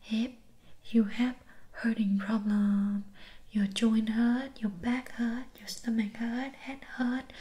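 A young woman playing a pushy shopkeeper in an ASMR role-play, soft-spoken and breathy with a Vietnamese accent and clipped broken-English sales patter. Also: a little high. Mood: insistent, soft. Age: young adult. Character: pushy, persuasive female Vietnamese shopkeeper selling sleep remedies. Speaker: ASMR performer.

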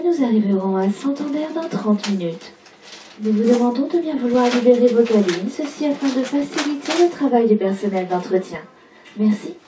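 Woman announcing over an echoey ferry loudspeaker. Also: on the high side. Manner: formal, measured. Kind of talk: public address announcement. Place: aboard a ferry. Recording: echoey ship loudspeaker with noise.

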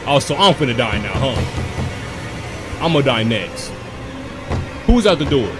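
A man's voice: mid-range voice, big pitch swings, takes it slowly, music in the background. A young American man giving casual, slangy gameplay commentary as a streamer, reacting aloud into a close microphone. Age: young adult. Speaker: gaming streamer. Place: small indoor bedroom setup.

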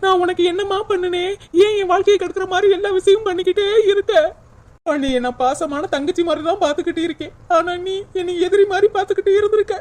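A woman voicing a gentle wronged daughter-in-law. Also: very high voice, steady tone, fast talker. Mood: hurt. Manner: pleading, soft-hearted. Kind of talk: cartoon dub acting.

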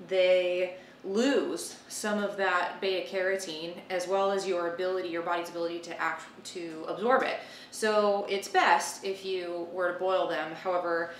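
Here a thirty-something woman with a fairly low voice talks casually through a home-kitchen cooking demo, musing aloud as she goes. A bit of hiss or hum sits under the recording, which sounds roomy and distant, dominated by loud kitchen clatter of chopping, clicking and pans.

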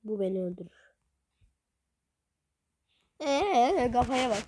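A woman giving playful, excitable commentary on her gameplay and talking to viewers, her voice a little off from being unwell. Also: fairly high pitch, slow. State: slightly ill, voice a little changed. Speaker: gaming video creator.

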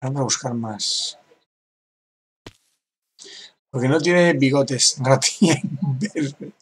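With a mid-range, somewhat breathy voice and a slightly slow delivery, this gaming YouTuber offers casual gameplay commentary. He laughs a lot and reads out players' chat messages with "dice."

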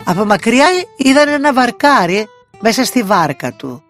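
A woman's voice: fairly high pitch, big pitch swings. A woman narrating a bedtime story expressively, voicing the characters' lines. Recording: dry close recording with soft guitar music.

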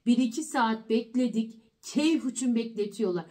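A middle-aged woman with a high voice tells a story to her vlog audience. She talks casually and with animation, and she repeats words to press a point home. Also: expressive, moderate pace, dark tone. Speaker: family vlogger.

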